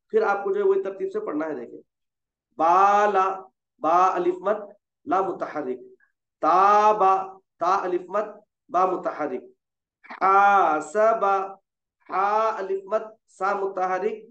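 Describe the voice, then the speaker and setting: High-voiced man patiently teaching letters. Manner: coaxing, corrects gently and repeats letters slowly. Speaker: Quran reading teacher. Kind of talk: patient tutoring over a call. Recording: roomy, dull lo-fi sound.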